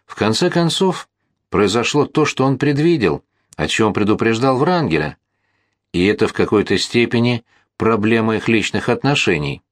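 A man narrating a historical novel as an audiobook, in a measured, steady storytelling manner. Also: fairly low pitch, no echo, studio quality.

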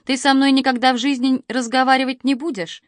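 An ashamed grown daughter who cries quietly and blames herself, her voice plaintive and a little higher, as a woman narrator puts her on. The recording is dry and close. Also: fairly even intonation, a little fast, no echo, natural voice. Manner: plaintive, self-reproaching. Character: adult daughter, ashamed and tearful.

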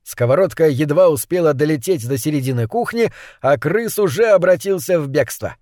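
A man's voice: on the high side, animated, fairly quick, darkish tone, no room sound. Man narrating an audiobook, dry close sound. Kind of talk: scripted narration.

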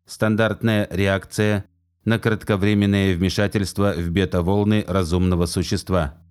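A man reading an audiobook and voicing a prim, literal male robot nanny in a metallic, measured tone, reciting facts like a manual. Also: low-pitched, smooth, lightly acted. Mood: flat, matter-of-fact. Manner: slow, even, reciting like a manual.

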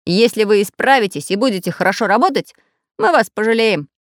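A woman voicing a brave little male iron man in a storybook, firm and steady. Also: mid-range voice, brisk, no room sound, studio quality, voice pushed up, lightly acted. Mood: stern. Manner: firm, stern when scolding.

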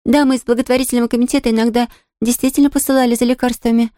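An eager, chirpy little girl, as a woman reader puts her on for an audiobook, high-pitched and rattling quickly through her lines. The sound is dry and close. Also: flat delivery, no echo, lightly acted. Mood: pleading. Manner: bright, chirpy and pleading. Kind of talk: audiobook character reading.

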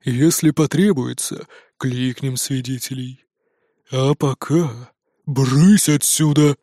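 A man voicing a stern male animal council leader, slow, gruff and commanding. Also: medium pitch, warm tone, no room sound, clean studio sound.

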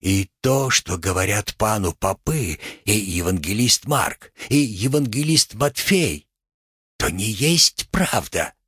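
A man's voice: on the low side, lively intonation, takes it slowly, fairly bright tone, slightly rough, dry recording, clean studio sound, exaggerated voice. A man voicing a sly old drunken church painter who talks in a wheedling, ingratiating way.

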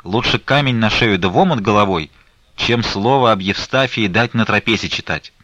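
Man putting on an old abbess, angry, scolding, forceful bright tone, dry close sound. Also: on the low side, big pitch swings, normal speed, no echo, full character voice. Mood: furious tirade. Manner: scolding, fiery, reproachful. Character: stern angry elderly female abbess.

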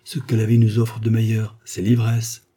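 A man's voice: on the low side, completely flat delivery, moderate pace, mellow, slightly rough. A man reading as a languid young aristocratic lady. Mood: wistful. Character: worldly young aristocratic woman, hiding and ruined.

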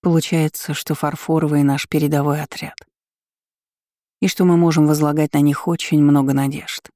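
A woman reading as a gentle, grave queen. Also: deep voice, little pitch movement, normal speed, no echo, clean studio sound, lightly acted. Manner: soft and tender.

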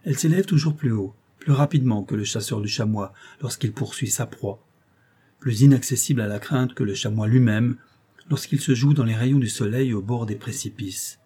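A man reading a classic tale aloud in a measured, expressive literary manner. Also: mid-range voice, slightly rough. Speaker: audiobook narrator. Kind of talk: scripted narration of a classic tale.

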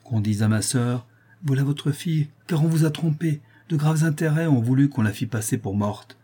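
Casting: homme faisant une comtesse manipulatrice, timbre grave voilé, livre audio. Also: male voice, mid-range voice, moderate pace, mellow, slightly rough, pitched above the performer's own voice, natural voice. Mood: persuasive. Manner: pleading then coldly threatening. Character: scheming haughty aristocratic woman, persuasive.

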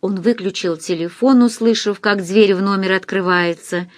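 A woman's voice: medium pitch, normal speed, dry recording, studio quality. Woman reading a novel aloud. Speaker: audiobook narrator. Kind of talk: scripted literary narration.

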